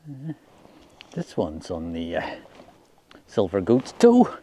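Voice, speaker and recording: A Scottish man chatting casually in an unhurried, low-key way, as if musing to himself while presenting his fishing outdoors. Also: huge pitch swings, mellow. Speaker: angler presenting own fishing outing. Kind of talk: casual fishing vlog commentary. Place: outdoors by a loch. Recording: noisy outdoor ambience.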